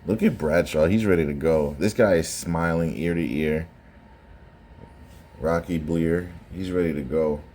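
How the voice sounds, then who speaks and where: A man's voice: sits low, a little slow, darkish tone, a little hiss or hum. A man giving casual, conversational reaction commentary on sports footage, often repeating phrases for emphasis.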